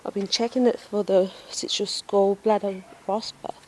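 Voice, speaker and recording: A woman's voice: mid-range voice, steady tone, moderate pace. A woman giving a casual walkthrough of her backyard garden, chatty and self-deprecating, a little out of breath, recorded outdoors on a phone. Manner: chatty, self-deprecating, with frequent ums and laughs. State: slightly out of breath. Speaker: home gardener vlogger.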